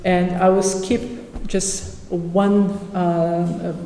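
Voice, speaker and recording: Slow, halting conference speaker in an echoey hall. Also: medium pitch, flat delivery, dark tone, a little hiss or hum. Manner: halting, with frequent pauses and fillers. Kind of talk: academic presentation with slides. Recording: echoey hall with long reverb.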